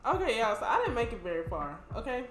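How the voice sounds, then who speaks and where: A woman's voice: fairly high pitch, sing-song, quick pace. An American woman hosting a casual challenge vlog, chatting to viewers in informal, slangy speech. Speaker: host of a video channel. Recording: echoey room with music behind.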